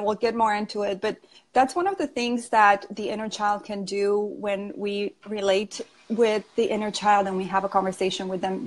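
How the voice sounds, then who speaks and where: A woman's voice: mid-range voice, poor audio. Romanian-accented woman in her thirties. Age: 30s. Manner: thoughtful, explains slowly with small laughs. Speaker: emotional health coach, guest. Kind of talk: casual interview talk.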